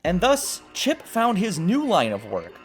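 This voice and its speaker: This man's voice is high-pitched with huge pitch swings, delivered a little slowly. As a video essay host, he narrates wryly and casually, with exclamations and some swearing, while music plays behind him.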